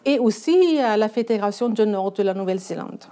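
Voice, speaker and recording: A woman's voice: mid-range voice, animated, fairly quick, dark tone. A woman, a church women's ministry leader, telling her story in a church interview, in French with a non-native accent, hesitating as she searches for words. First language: Icelandic.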